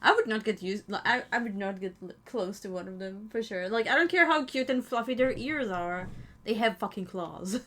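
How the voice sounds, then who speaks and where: A woman's voice: medium pitch, moderate pace, a bit bright, a little hiss or hum. A young woman streamer chatting casually as she reacts to videos, full of fillers.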